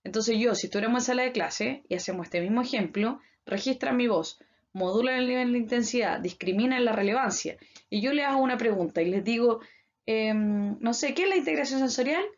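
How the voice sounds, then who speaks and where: Chilean lady teaching online from home, kinda high voice, muffled lo-fi mic, explains stuff over and over w/ examples. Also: fairly quick. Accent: Chilean Spanish. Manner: explanatory, repeats key terms with many examples. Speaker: university lecturer. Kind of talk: recorded online lecture. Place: her home.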